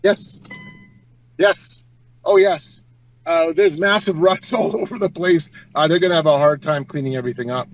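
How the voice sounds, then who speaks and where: As an on-site correspondent, a man answers an interviewer in an informal live field report, his voice a little high at normal speed. The remote call audio is dull and lo-fi.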